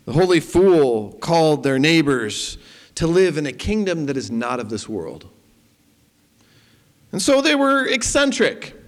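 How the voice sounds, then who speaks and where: A man preaching a sermon and leading prayer, speaking deliberately with prayerful pauses. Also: fairly high pitch, sing-song, in a large hall. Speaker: pastor.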